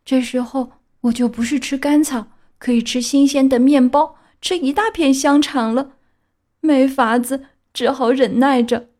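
A woman voicing a wooden puppet boy turned into a miserable donkey, with high wailing braying cries, in a children's storybook reading. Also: steady tone, unhurried, a little mellow. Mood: resigned.

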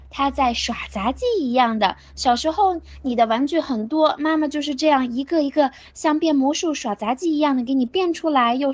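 Bright, high-voiced woman teaching English. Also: dry recording. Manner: warm, encouraging, exaggerated slow modeling of English words. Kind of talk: children's picture-book English lesson.

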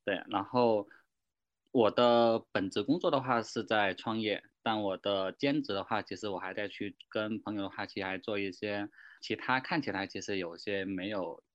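Low-voiced man on a dull, dry line. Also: fairly even intonation, normal speed, no room sound. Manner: wordy, filler-heavy. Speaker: guest. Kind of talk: casual chat. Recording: dry, dull lo-fi remote mic.

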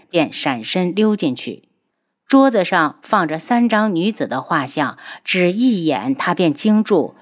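A woman narrates a novel audiobook with a slightly low voice. She reads expressively and slips into the characters as they speak.

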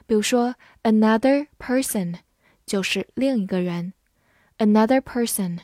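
A woman teaching English vocabulary in Chinese, spelling each word letter by letter and reading example sentences slowly and carefully. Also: fairly high pitch, warm tone, no echo, clean studio sound. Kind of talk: scripted vocabulary lesson.

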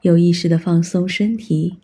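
Casting: calm guided-meditation narrator, soft mellow tone, very even and level pitch, unhurried scripted instructions with generous pauses. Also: slightly rough. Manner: calm, soothing, instructional delivery with long pauses.

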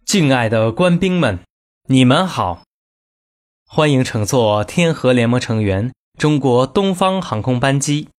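A man reading scripted in-flight cabin announcements in a formal, measured announcer manner. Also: mid-range voice, expressive.

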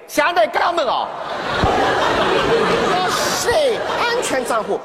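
A shrill, sly old Shanghai grandmother, as a man puts her on in a stage comedy sketch, with a Shanghai accent. She mocks and plays dumb in a very high voice that swoops widely. A long hall echo and an audience sit behind her. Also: huge pitch swings, takes it slowly, a loud crowd, full character voice. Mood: mocking. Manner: mocking, feigns confusion, teases. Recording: reverberant hall with audience and noise.

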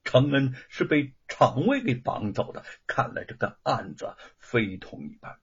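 A man voicing a fearful older man who warns in a hushed half-whisper. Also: medium pitch, very animated, a little slow, breathy edge, heavily acted. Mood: gloomy. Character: older male relative, gloomy and fearful. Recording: dull lo-fi recording.

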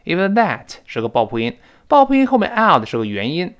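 A man leads a recorded English lesson. His voice is clear and resonant, and his pitch rises and falls in an animated way. He repeats phrases slowly for listeners to copy. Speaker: English teacher.

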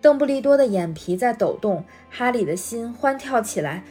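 A woman reading a storybook chapter aloud in a steady, expressive voice. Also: on the high side, normal speed, faint music behind. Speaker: guest reader.

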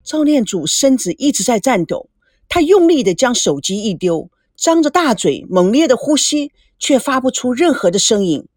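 Expressive woman narrating a novel. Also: on the high side, moderate pace, no echo, studio quality. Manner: expressive, voices the young characters too.

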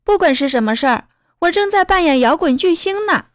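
A woman voicing a cocky, stubborn young boy who sulks, boasts and yells at the kids he minds. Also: extremely high pitch, animated, a little fast, no echo, studio quality, voice pushed up. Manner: sulky, boastful, then yelling.

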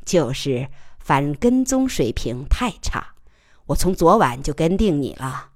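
Woman reading a calm, wry plainclothes cop. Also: low-pitched, unhurried, no room sound, studio quality, heavily acted. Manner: even-tempered, wry. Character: calm, smooth-talking young plainclothes policeman.

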